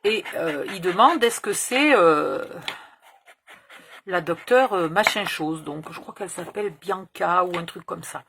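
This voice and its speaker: A woman's voice: fairly low pitch, unhurried, fairly bright tone, slight background noise. A woman in her fifties hosting a crafting tutorial, chatting casually and rambling through a story with casual swearing. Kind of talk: casual chat while crafting.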